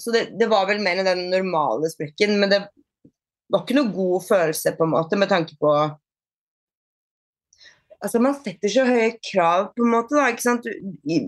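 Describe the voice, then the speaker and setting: A woman being interviewed on a podcast, chatting casually, with many fillers and restarts and lively retold dialogue. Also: medium pitch, dry recording, clean studio sound. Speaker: podcast guest, bodyfitness athlete.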